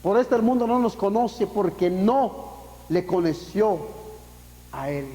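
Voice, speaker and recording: Man, pastor, high voice, impassioned sermon, rhetorical questions, casual English asides, long hall echo. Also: expressive, a little slow, warm tone. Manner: impassioned, with rising emphatic peaks and rhetorical questions; mixes in casual English phrases. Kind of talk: preaching a sermon.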